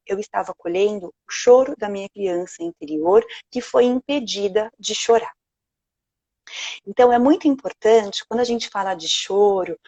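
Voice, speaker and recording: A woman with a Brazilian Portuguese accent, a sleep consultant speaking gently and reassuringly on a live video call. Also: mid-range voice, no room sound, dull audio.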